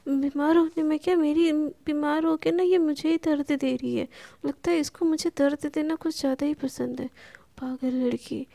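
A woman's voice: sits high, steady tone, moderate pace, gravelly, dark tone, dry recording. A woman voicing a caring but bossy young woman who scolds and teases in a firm, sometimes half-whispered voice. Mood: fretting.

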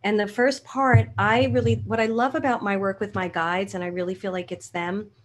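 A woman's voice: mid-range voice, steady tone, normal speed. A middle-aged woman with a Brooklyn accent, speaking candidly and informally as a guest on an online panel. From Brooklyn, New York. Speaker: guest author and spiritual coach. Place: home room with bookshelves, indoors. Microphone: video call, computer or webcam mic. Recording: noisy video call audio.

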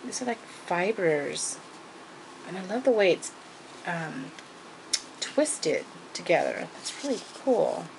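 Woman craft vlogger gushing over gifts, slow easy talk, noisy room with paper crinkling. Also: lowish voice, expressive, vocal fry. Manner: gushing, repeats thanks and praise. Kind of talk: casual show-and-tell vlog.

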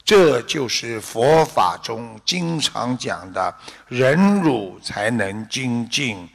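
A man with a Shanghainese-accented Mandarin, giving a deliberate, unhurried Buddhist dharma talk with a parable in a hall. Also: medium pitch, very animated, gravelly. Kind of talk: slow measured sermon with parable.

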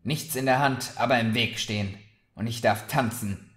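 A man voicing a grumpy, sharp-tongued female tavern maid who snaps and scoffs. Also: mid-range voice, normal speed, natural voice. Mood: grumbling. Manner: snapping, scornful. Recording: roomy echoey recording.

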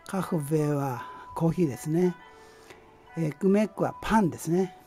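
Man, amateur teacher, mellow tone, halting and patient, faint music behind. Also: a little high. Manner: patient, halting explanation with many fillers. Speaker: language teacher. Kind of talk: amateur language lesson.

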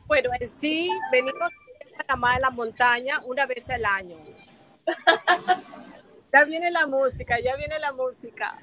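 Fields: Sex: woman. Role: interview guest. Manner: unhurried, chatty. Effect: heard over a noisy phone connection with interference. Pitch: high. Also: sharp tone, faint music behind. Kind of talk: casual interview answers. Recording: noisy, crackly phone call.

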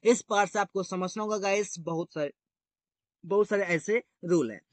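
A man's voice: sits high, normal speed, dry recording. A man teaching English grammar rules in a repetitive, explanatory way, often calling his viewers guys.

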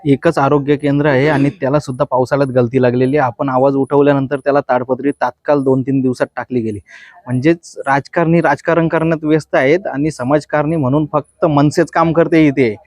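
A local party activist speaking to reporters, indignant and firing rhetorical questions. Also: male voice, medium pitch, fairly even intonation, a little fast, a little mellow, no echo, clean studio sound. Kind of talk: impassioned statement to press.

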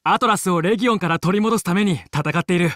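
A man playing a young, confident fox space pilot and team leader in a video game, brisk, determined and commanding yet friendly. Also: high-pitched, a bit bright, no echo, studio quality. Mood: friendly, earnest. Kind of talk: Japanese video game voice acting.

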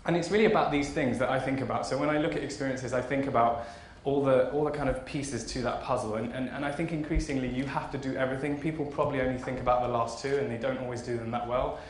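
A fashion marketing executive, aged thirty, delivers an informal and enthusiastic keynote conversationally from a big auditorium stage. He talks fast at medium pitch with fairly even intonation and few pauses, and the hall adds roomy echo over faint background noise.

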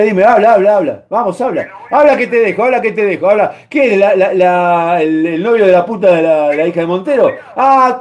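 A man hosting a heated live-stream call-in, badgering callers with repeated insults. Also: high-pitched. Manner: insulting, repetitive, badgering shouts. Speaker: streamer taking calls.

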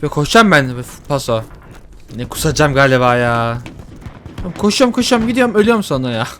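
A man giving casual, excitable commentary while playing a shooter game, joking and swearing at what happens. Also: mid-range voice, brisk, slight background noise. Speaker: gaming YouTuber. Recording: faint gunfire behind. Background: faint game gunfire and explosions.

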